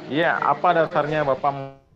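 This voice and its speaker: A man's voice: on the high side, fairly even intonation, a little slow. A man asking short clipped exam questions over a video call while his audio keeps breaking up. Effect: choppy, breaking-up call audio. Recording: lo-fi distant video call line.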